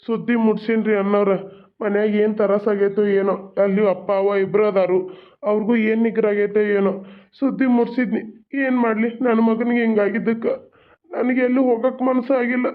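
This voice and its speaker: A man's voice: sits high, level tone, brisk, close to an everyday voice. A man voicing a grieving young father with a North Karnataka Kannada accent, choked and sorrowful. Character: grieving young father who lost his son. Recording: tinny phone-like sound.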